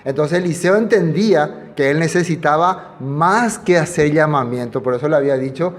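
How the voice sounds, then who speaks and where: A man's voice: a little high, moderate pace. Man, pastor, raised voice, conversational sermon, reverberant hall. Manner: conversational, asks the audience questions. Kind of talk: expository sermon.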